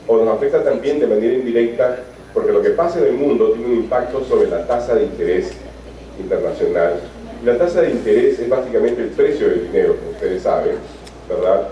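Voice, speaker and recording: A man's voice: mid-range voice, warm tone, slight background noise. A man giving a university lecture in a conversational way, often adding tag questions and fillers. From Peru. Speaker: guest lecturer. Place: lecture hall. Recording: echoey hall from far off, dull sound.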